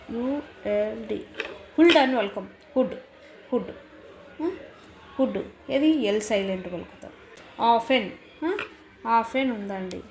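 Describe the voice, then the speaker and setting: Woman teacher slowly spelling words out. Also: a little high. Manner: slow and repetitive, spelling words out letter by letter, many drawn-out "aa" fillers. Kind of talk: explaining teaching methods for young children. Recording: echoey room with faint ambient noise.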